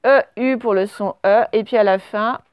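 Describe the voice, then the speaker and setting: A French woman teacher giving a slow dictation lesson to young children, stretching out words and spelling letters. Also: on the high side, darkish tone, smooth, no room sound. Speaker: primary school teacher.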